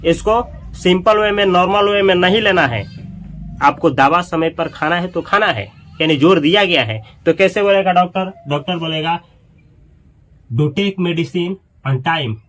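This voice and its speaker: A male English teacher giving a spoken lesson, explaining patiently and repeating example sentences slowly for learners to copy. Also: a little high, a bit bright.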